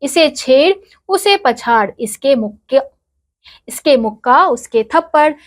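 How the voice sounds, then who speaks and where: A woman's voice: high voice, animated, takes it slowly. Read-aloud play: woman playing a hearty, gossipy older neighbour man, raised voice. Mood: jovial. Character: chatty older male neighbour.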